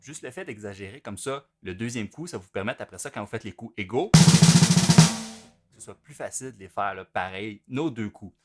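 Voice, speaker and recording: A man with a Québécois French accent teaching drums, explaining each step in a relaxed way as he demonstrates at the kit. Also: fairly low pitch, a little fast, over loud music. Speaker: drum teacher. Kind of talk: explanatory music lesson. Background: loud drum kit playing between phrases.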